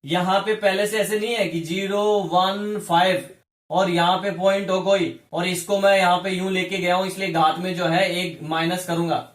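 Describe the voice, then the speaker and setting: A man's voice: high-pitched, level tone, normal speed, fairly bright tone. A male chemistry teacher giving a classroom lesson, explaining step by step and often asking his students questions. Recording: echoey room.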